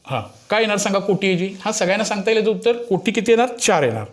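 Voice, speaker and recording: A man's voice: high voice, lively intonation, rapid-fire. A man teaching maths step by step, explaining to children and coaxing them with frequent check questions.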